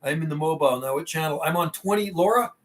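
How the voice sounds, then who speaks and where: Talking fast in a fairly high voice, a friendly Canadian man works as a CB operator, trading casual live radio chat and call-outs. He keeps it informal and repeats call signs and channel numbers.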